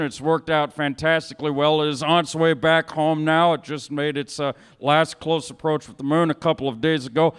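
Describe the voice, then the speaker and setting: A man presenting astronomy news at a public science talk, enthusiastic and halting with many fillers. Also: on the high side, smooth. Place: bar event hall. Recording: long hall reverb.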